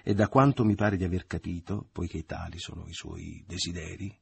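A man voicing a smug, jovial middle-aged man who makes ironic toasts in an audiobook, with a husky voice. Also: deep voice, steady tone, moderate pace, no echo, full character voice. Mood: ironic cheer. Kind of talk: audiobook character voice.

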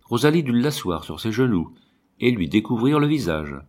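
A man reading a classic novel aloud in a measured, expressive narration. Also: medium pitch. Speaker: audiobook reader.

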